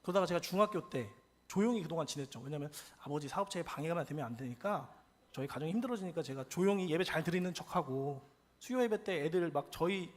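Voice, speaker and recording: Husky, animated Korean pastor telling stories. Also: male voice, fairly high pitch. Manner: animated, acts out quoted lines. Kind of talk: storytelling sermon.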